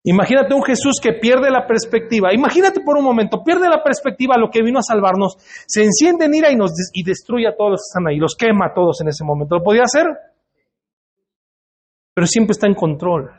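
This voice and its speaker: High-voiced pastor preaching. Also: male voice, animated, fast talker. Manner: conversational preaching, asks the congregation questions. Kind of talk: sermon. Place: church hall.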